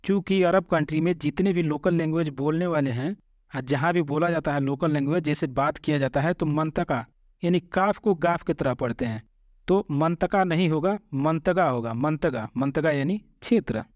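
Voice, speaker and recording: A man teaching vocabulary, slowly repeating each word and patiently explaining common mistakes. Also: on the high side, darkish tone, dry recording, studio quality. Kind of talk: Hindi-language vocabulary lesson.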